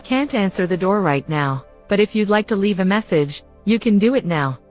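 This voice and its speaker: A homeowner speaking curtly to a visitor through a doorbell intercom speaker. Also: female voice, mid-range voice, expressive, moderate pace, faint music behind. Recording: dull lo-fi speaker from afar.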